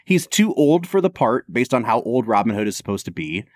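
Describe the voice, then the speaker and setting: A man's voice: mid-range voice, big pitch swings, brisk, no room sound, studio quality. A man co-hosting a podcast, chatting casually and opinionatedly about a film, laughing often. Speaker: podcast co-host.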